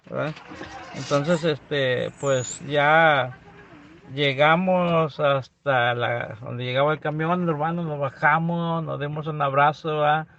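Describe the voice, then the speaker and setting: A middle-aged man recounts a personal testimony in plain, conversational storytelling. His voice sits a bit high, and the recording sounds dull and lo-fi. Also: gravelly, fairly bright tone. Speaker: guest giving a testimony.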